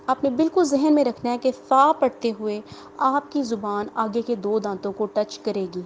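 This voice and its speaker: A woman teaching a tajweed lesson, explaining rules patiently, repeating them, quizzing her students and drawing out the example words slowly. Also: on the high side, steady tone, muffled recording, slight background noise. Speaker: Quran recitation teacher.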